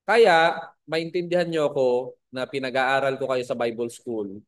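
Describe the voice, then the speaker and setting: A man's voice: mid-range voice, normal speed. A man teaching a Bible school lesson to a class, spelling out words and asking his students questions.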